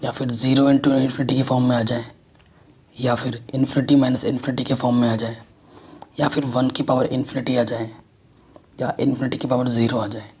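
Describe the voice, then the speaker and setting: A man's voice: medium pitch, darkish tone, husky. A man teaching a math lesson, explaining step by step and checking in with students often.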